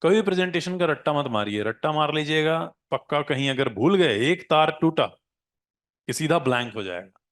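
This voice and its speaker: Male teacher, slightly high voice, coaching tone, switches between Hindi and English. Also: lively intonation, normal speed, fairly bright tone. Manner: mixes Hindi with English phrases; coaching, asks "है ना?" to check in. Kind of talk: live class lecture.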